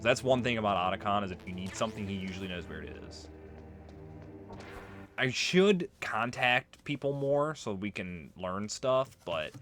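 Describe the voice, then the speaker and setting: This man's voice sits on the low side with a fairly bright tone as he offers loose, rambling let's play commentary. He explains things, drifts into tangents, and video game music plays behind him.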